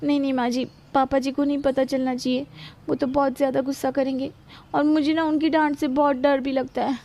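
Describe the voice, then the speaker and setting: A woman's voice: sits high, little pitch movement, brisk, warm tone. A woman voicing a timid young daughter-in-law in a cartoon, meek and pleading. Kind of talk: cartoon voice acting.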